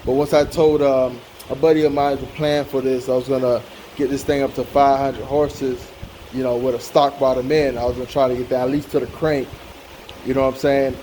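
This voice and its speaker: A man's voice: mid-range voice, little pitch movement, brisk, dark tone, rough recording. An American man hosting a car-build vlog in an informal, conversational way, often checking in with the listener. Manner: informal, repeats "you know what I'm saying". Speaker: car-build channel host. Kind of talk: casual vlog walkaround. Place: hot car workshop with fan running. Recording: clear fan noise behind the voice.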